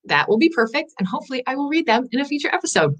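A woman hosting a live good-news show, bubbly and enthusiastic, a little out of breath, rushing through her stories. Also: sits high, very animated, a bit bright. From Northwest Indiana. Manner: bubbly, enthusiastic, talks in quick bursts. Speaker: host.

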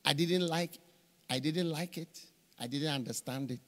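Pitched fairly high and moving at a moderate pace, a middle-aged preacher speaks through a handheld microphone on a big church stage at a conference. His sermon is animated storytelling with many repeated phrases, recorded in a reverberant hall.

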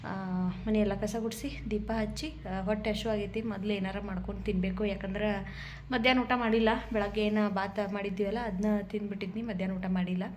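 A woman's voice: mid-range voice, darkish tone, a little hiss or hum. A young woman, chatting casually to viewers in a home vlog and showing them her housework. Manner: chatty, keeps saying "look" to viewers. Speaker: vlogger and mother.

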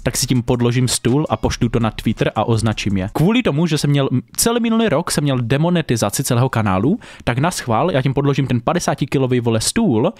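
A man's voice: medium pitch, lively intonation, darkish tone, no room sound, studio quality. Guy reacting to clips on stream, mocking everything, swearing all the time. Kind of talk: casual reaction commentary.

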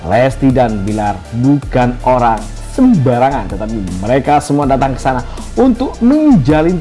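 A woman's voice: rumbling low, dark tone. A woman narrating a celebrity gossip video in an upbeat, sing-song voice-over, addressing viewers directly. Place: voice-over recorded apart from footage.

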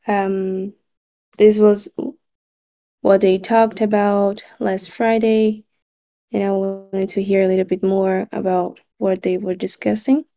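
A Brazilian-accented woman whose native language is Portuguese leads a video-call meeting, recapping it online. Her mellow, soft-edged, medium-pitched voice is slow and deliberate. She sounds measured and slightly halting, pausing often as she lays out the points.

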